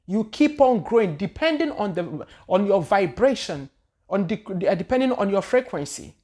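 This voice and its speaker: A Ghanaian spiritual teacher hosting her own channel answers viewers' questions in casual conversation. Her medium-pitched voice is warm and sing-song, at a moderate pace. She wanders as she searches for ideas, frequently repeating words and drifting into hesitation.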